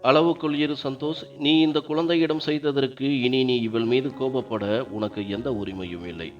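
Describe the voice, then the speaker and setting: A man's voice: medium pitch, normal speed, close to an everyday voice. A man voicing a stern older father and company head who scolds his son. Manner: stern, commanding. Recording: dull lo-fi sound, faint background music.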